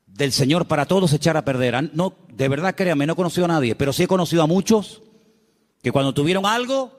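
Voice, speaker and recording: A man's voice: a little high, darkish tone. A man preaching a sermon from a church pulpit, emphatic and dramatic, with rhetorical questions and humor. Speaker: pastor. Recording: reverberant church hall.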